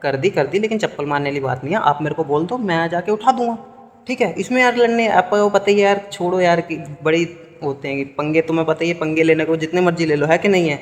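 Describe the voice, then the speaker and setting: A man's voice: fairly high pitch, quick pace. A young man, telling a story in a casual vlog and checking in with his viewers again and again. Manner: chatty, animated retelling, often asks "ठीक है?". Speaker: vlogger. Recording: roomy with long reverb.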